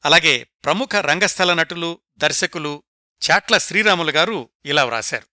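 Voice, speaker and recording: Male narrator, fairly high, very bright tone; scripted biography read, dry close mic. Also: lively intonation, moderate pace, no echo.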